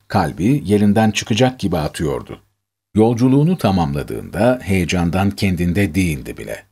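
Man reading a story out loud, deep husky voice, lots of melody in it. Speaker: narrator. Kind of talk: scripted story narration.

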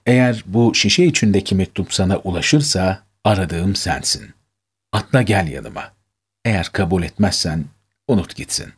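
A man reading aloud the love letter of a seriously ill woman, in an earnest, gentle, pleading way. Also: sits low, animated, normal speed, husky. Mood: tender, hopeful.

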